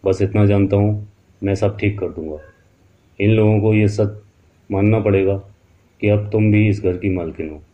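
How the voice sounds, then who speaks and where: A man's voice: fairly low pitch, fairly even intonation, normal speed, phone-quality sound, natural voice. A man voicing a troubled middle-aged haveli owner who talks in a pleading, earnest way.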